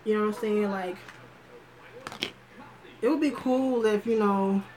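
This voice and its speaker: A woman holds a casual livestream chat at a mid pitch, talking loosely and thinking aloud as she goes. Her speech is slangy and profane, with lots of fillers and restarted sentences. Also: fairly even intonation, measured pace, crowd noise, poor audio. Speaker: livestream host.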